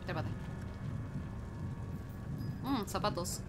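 Woman, horror game streamer, casual playful commentary, easily startled exclamations, medium pitch, noticeable game ambience behind. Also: lively intonation, drawn-out words, heavy background noise. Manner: playful, talks to chat and game objects. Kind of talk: casual live gameplay commentary.

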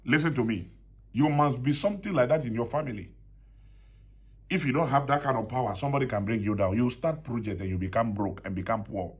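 A man's voice: medium pitch, a little fast, slightly rough. A man in his thirties with a Ghanaian accent, preaching a sermon to a close phone camera from a small indoor room, emphatic and repeating key lines. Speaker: pastor. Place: small brightly painted indoor room, seated at a desk. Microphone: phone camera at close range.

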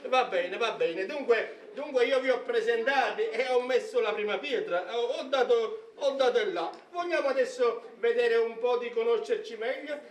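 A man's voice: very high-pitched, normal speed, few pauses. A man playing a flustered, fawning matchmaker in a stage comedy, stammering and insistently repeating his phrases. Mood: flustered encouraging. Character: flustered, coaxing middle-aged matchmaker, fawningly polite. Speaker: stage actor. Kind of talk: live Italian stage comedy acting. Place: indoor theatre stage with audience. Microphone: far camera. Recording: roomy theatre stage, distant microphone, audience noise.

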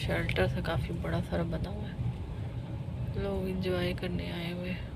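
Woman vlogger, chatty, slight gravel in her voice, phone-mic sound over loud car noise. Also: fairly low pitch, flat delivery, normal speed. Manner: chatty, addresses viewers directly. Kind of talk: casual travel vlog narration. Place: in a car, then outdoors by a rainy marina. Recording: loud road and rain noise.

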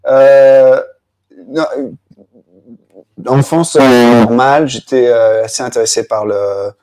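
A man's voice: mid-range voice, steady tone, takes it slowly, a little mellow, smooth, poor audio. Guy in his 30s, interview guest, easygoing and a bit self-mocking, just chatting. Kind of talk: casual interview chat.

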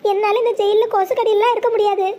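A high-voiced performer voicing a young daughter in jail who whines and begs to go home. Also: level tone, very fast, warm tone. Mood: whining. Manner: whining, begging. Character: whiny young jailed daughter.

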